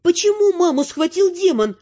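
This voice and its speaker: A man's voice: very high-pitched, very animated, normal speed, mellow, voice pushed up. A male reader voicing a stern, imperious middle-aged mother who scolds and gives orders, on a dull lo-fi recording. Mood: demanding. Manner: commanding, scolding.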